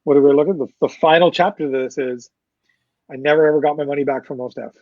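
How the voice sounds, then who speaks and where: A man's voice: a little high, quick pace, no echo, narrow, tinny audio. Man telling a profane promoter story. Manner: animated anecdote-telling with profanity and quoted dialogue. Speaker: interview guest, concert promoter. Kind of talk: casual storytelling interview.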